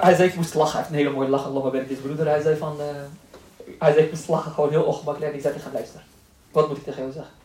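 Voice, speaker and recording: A man giving a lively lecture to a class, quick and joking, acting out the people in his stories. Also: a little high. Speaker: Islamic lecturer. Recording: echoey room, voice from a distance, faint noise.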